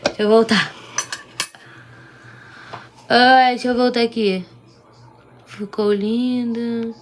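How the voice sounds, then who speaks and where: A woman's voice: fairly high pitch, fairly even intonation, slow. A woman with a Carioca accent from Rio de Janeiro, leading a live-streamed baking demonstration and chatting with viewers as she works. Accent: Carioca Portuguese. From Rio de Janeiro, Brazil. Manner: chatty, keeps checking in with viewers. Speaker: baking instructor.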